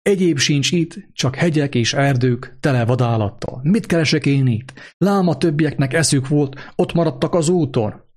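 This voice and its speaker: A man's voice: a little high, few pauses, darkish tone, natural voice. A man reading aloud and voicing a small, bald, poor shopkeeper who frets and talks to himself. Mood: fretful. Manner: anxious, rambling self-talk.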